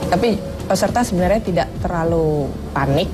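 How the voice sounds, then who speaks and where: Lower-pitched woman giving commentary. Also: lively intonation, a little fast. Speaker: commentator on a paranormal show. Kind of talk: explanatory commentary. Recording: music over the voice. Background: background music.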